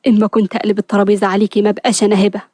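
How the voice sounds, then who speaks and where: A woman's voice: medium pitch, level tone, very fast, darkish tone, no echo, pitched below the performer's own voice, close to an everyday voice. A woman voicing a scheming young woman who sounds falsely sweet and coy. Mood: sly.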